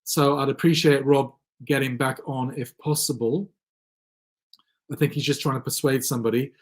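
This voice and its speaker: In a studio, a man hosts a live election-night stream with a medium-pitched voice, fairly even intonation and a moderate pace. He sounds hesitant, with frequent ums and restarts, and his voice is going a little hoarse.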